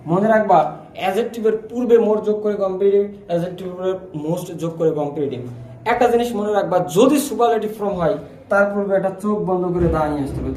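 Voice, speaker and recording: A man's voice: high-pitched, dark tone, roomy sound. A man teaching an English grammar lesson, asking questions and answering them himself, repeating key words as he goes. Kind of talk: recorded classroom-style lesson.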